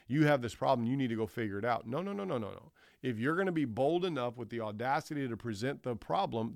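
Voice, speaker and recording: A man's voice: medium pitch, creaky, no echo, studio quality. A man preaching a sermon, counting off his points with emphasis and acting out quoted dialogue. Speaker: pastor.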